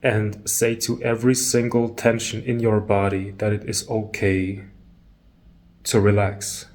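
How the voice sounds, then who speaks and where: A man with a fairly low voice leads a guided meditation, calm and measured, leaving pauses between short phrases.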